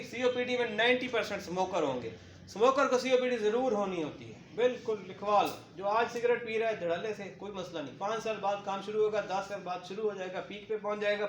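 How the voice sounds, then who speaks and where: A man's voice: sits high, a bit bright, echoey room, a little hiss or hum. A man giving a medical lecture to paramedic trainees, explaining through lists and patient examples.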